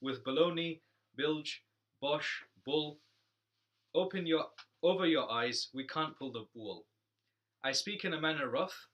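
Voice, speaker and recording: A man's voice: fairly high pitch, a bit bright. A man reciting rhyming comic verse in a playful, sing-song way.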